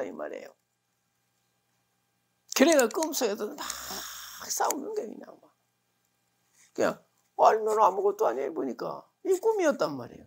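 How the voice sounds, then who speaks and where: Gravelly, lively Buddhist monk preaching. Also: male voice, high voice. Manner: lively storytelling with acted-out quotes, rhetorical questions. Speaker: Buddhist monk giving a dharma talk. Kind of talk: sermon.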